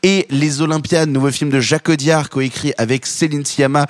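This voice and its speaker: A man's voice: on the high side, fairly even intonation, moderate pace, no room sound. A very tired man hosting a casual film talk show. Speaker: podcast host.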